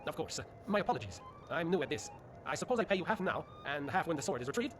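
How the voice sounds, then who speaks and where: An actor playing an inexperienced, apologetic young noble in a video game, polite and wordy. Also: male voice, a little high, sing-song, fast talker. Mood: earnest. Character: earnest, mumbling, inexperienced young noble heir. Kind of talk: video game character dialogue. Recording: sped-up game audio under music.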